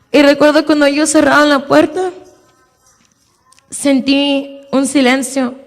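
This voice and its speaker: A young woman gives a church testimony in a high, gravelly voice that stays quite level. She speaks slowly and haltingly, often restarting her sentences. The sound carries a long, echoing church-hall reverb. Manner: slow and halting, with many repeated openings. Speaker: church member giving testimony. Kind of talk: personal religious testimony.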